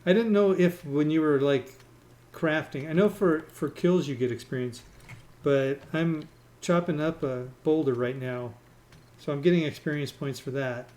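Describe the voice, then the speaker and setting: A man in casual voice chat with friends while playing a game, explaining things haltingly with fillers. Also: on the high side, darkish tone. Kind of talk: casual voice-chat gameplay talk.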